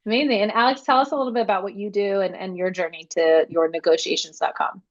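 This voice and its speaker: A woman's voice: mid-range voice, steady tone, quick pace. A woman hosting an interview podcast, upbeat and chatty. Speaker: podcast host. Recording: dull lo-fi sound.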